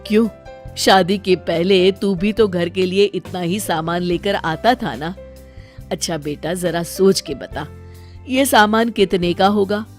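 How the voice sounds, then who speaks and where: A woman voicing a kindly older mother-in-law who gently scolds her son in a cartoon. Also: lowish voice, measured pace, soft background music, natural voice. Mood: teasing. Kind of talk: cartoon voice acting.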